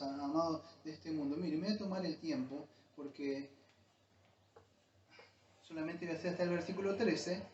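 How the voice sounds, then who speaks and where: A man's voice: fairly high pitch, slight background noise. A man preaching a sermon as a pastor, often calling his listeners "amados" and breaking off to restart his sentences. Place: church hall. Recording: echoey, distant, dull church recording.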